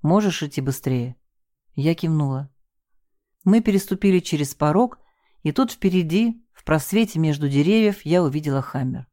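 A woman with a low, dark, mellow voice narrates a tense first-person story. The sound is dry and close, with no room around it. She lifts her pitch and pushes harder when the characters shout. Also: animated, normal speed, no echo. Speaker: audiobook narrator.

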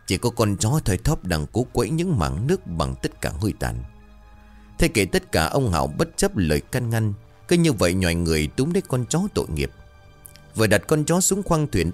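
Low-voiced man narrating a ghost story. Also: a little mellow. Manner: suspenseful, dramatic. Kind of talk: scripted horror story narration.

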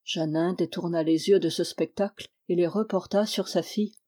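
A woman reading a historical novel aloud as audiobook narration, in a steady, measured way. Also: lowish voice. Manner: steady, measured reading, lifting the voice for quoted dialogue. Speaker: audiobook reader.

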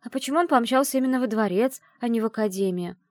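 A woman's voice: fairly high pitch, fast, a little mellow, no echo, studio quality, voice pushed up, lightly acted. A woman reading the part of a snappy, indignant young witch heroine in an audiobook. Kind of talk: audiobook character voice.

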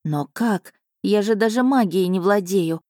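A nervous young heroine protests and questions in a raised, flustered voice, as a woman reader puts her on. Her tone stays mellow, recorded dry and near. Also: mid-range voice, moderate pace, no room sound, natural voice. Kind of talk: audiobook reading.

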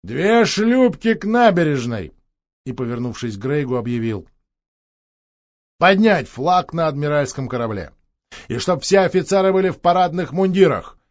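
A man's voice: fairly high pitch, animated, normal speed, no room sound, close to an everyday voice. A male narrator playing a commanding, scheming count who gives orders and mocks, on a dull, dry lo-fi recording. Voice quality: domineering, mocking.

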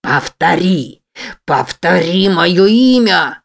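A woman voicing a brutal, monstrous man, speaking slowly and menacingly and breaking into shouts. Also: sits low, fairly even intonation. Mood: raging.

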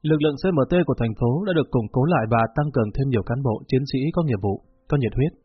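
Husky male audiobook narrator. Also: mid-range voice, fast talker. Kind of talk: scripted story narration. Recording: dull lo-fi recording with faint music.

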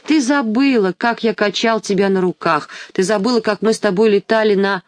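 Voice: medium pitch, brisk, no echo, pitched above the performer's own voice, lightly acted. A reader voicing a fat man posing as a father, thin-voiced and whiny. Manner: whiny, wheedling.

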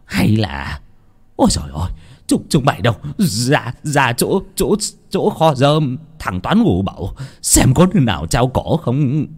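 A harsh old village official, once proud and cruel, stammers and wails, played by a male narrator. His voice swings from low growls to high cracked cries. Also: wildly swooping pitch, measured pace, breathy edge, full character voice. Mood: alarmed. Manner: wailing, stammering.

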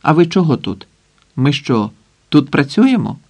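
A man voicing a calm, down-to-earth middle-aged woman who whispers matter-of-factly in an audiobook. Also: fairly high pitch, unhurried. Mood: calm whispering. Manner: hushed, matter-of-fact.

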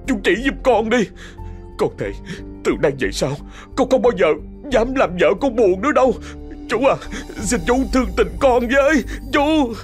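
A man's voice: very high-pitched, lively intonation, moderate pace, faint music behind, voice pushed up. A man voicing a desperate young husband begging an elder. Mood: pleading. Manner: pleading.

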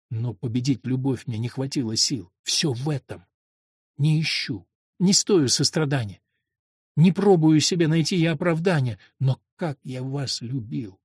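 Ruy Blas, as a male reader voices him, a wronged servant who declaims his verse with fierce conviction. The voice sits fairly high, carries a husky edge and stays close and dry. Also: fairly bright tone, no echo. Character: Ruy Blas, lovesick servant turned avenger, adult man. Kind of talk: dramatic verse reading.

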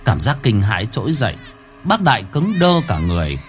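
Expressive man narrating a horror story. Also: fairly quick, faint music behind. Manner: highly expressive, rising to cries.

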